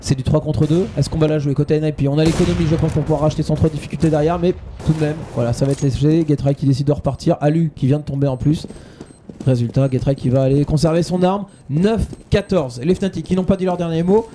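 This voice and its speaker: A man's voice: on the high side, fairly even intonation, fast, mellow, a little hiss or hum. A man giving live play-by-play commentary on an esports match.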